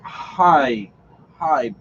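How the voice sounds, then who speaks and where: Man, game master, dramatic narration, lively swooping voice, muffled lo-fi sound. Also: medium pitch, very slow. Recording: dull lo-fi recording with background noise.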